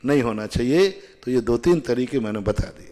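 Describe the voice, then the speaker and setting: A man's voice: mid-range voice, lively intonation, normal speed, mellow. A man giving a religious question-and-answer discourse, chatty and storytelling, often laughing.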